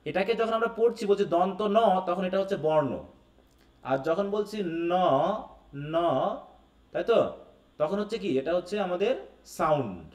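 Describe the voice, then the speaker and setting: A man's voice: sits high, very animated, moderate pace, pauses often, darkish tone, far from the mic. A man teaching a live class, often checking in with students and using English terms. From Bangladesh. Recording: echoey room, away from the mic.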